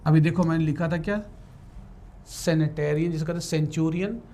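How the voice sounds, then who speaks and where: Hindi-speaking man teaching spelling, slightly high voice. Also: steady tone, brisk, mellow, slight background noise. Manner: explains in Hindi, switches to English for definitions and spells words letter by letter; keeps checking in with the class. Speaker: English teacher for law entrance exams. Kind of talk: classroom lecture with spelling drills.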